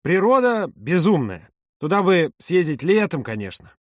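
A blunt, impatient family man, played by an audiobook narrator, grumbles with indignation. The voice is raised and forceful, moving around a lot. The recording is dry and close. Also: fairly high pitch, big pitch swings, normal speed, dry recording, pitched above the performer's own voice. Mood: indignant.

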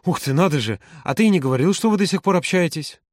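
A man's voice: sits high, lively intonation, quick pace, dry recording, clean studio sound, voice pushed up. A man reading an audiobook, voicing a chatty, curious woman who eagerly asks questions.

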